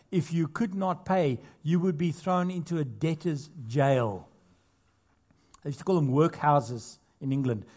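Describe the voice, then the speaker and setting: A pastor, not from Australia, preaches a sermon in a mid-range, slightly mellow voice. He's earnest, building to emphatic points and tossing in casual asides along the way.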